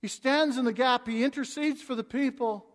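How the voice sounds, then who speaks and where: High-voiced preacher in a reverberant hall. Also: male voice, steady tone, normal speed. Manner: reads scripture aloud, swings between hushed and emphatic; stumbling restarts. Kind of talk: expository sermon. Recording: long reverb of a large hall.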